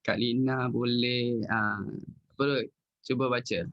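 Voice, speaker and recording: A man with a Malaysian Malay accent teaching Quran recitation in an online class, recites verses slowly and explains casually. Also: mid-range voice, flat delivery, muffled recording. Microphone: video call.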